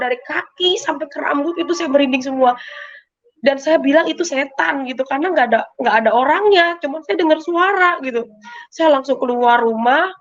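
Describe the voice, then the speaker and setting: A woman giving a personal faith testimony, telling her story emotionally in a casual, repetitive way. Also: high-pitched. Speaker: testimony giver. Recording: muffled lo-fi sound.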